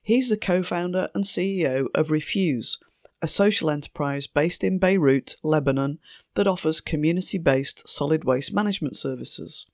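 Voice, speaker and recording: A woman hosts a podcast while hoarse from a cold, her voice croaky but her reading measured and clear. The sound is dry and close, with no room around it. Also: low-pitched, no room sound. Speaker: podcast host. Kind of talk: scripted podcast introduction.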